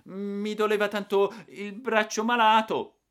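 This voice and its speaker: A man's voice: high-pitched, level tone, unhurried, fairly bright tone, smooth, pitched above the performer's own voice. A man voicing a mischievous young boy who whines and talks back. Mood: whiny. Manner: whining, cheeky.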